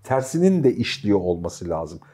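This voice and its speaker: A man's voice: deep voice, big pitch swings, normal speed, dark tone. A man co-hosting a talk show, reflecting and building arguments in casual chat. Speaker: co-host.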